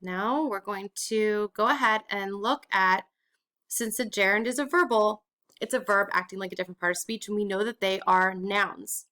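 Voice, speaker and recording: A woman's voice: medium pitch, normal speed, sharp tone. A woman teacher explaining a grammar lesson step by step, asking and answering her own questions.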